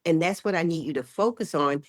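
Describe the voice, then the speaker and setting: Older lady chatting on a show, deep voice, punchy and emphatic, dry close sound. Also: fairly quick, no echo. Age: 60s. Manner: emphatic, lively, often acts out quotes. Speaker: guest, health educator. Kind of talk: casual interview chat.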